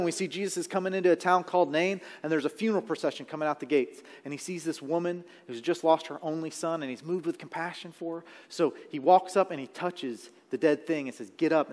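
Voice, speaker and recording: Male preacher, slightly high voice, casual sermon delivery, live church hall echo. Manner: conversational, checks in with the congregation. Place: church sanctuary.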